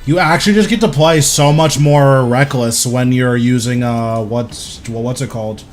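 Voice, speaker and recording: A man's voice: medium pitch, moderate pace, faint music behind. A young man giving casual, rambling live commentary while streaming a video game. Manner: rambling, thinking aloud, informal.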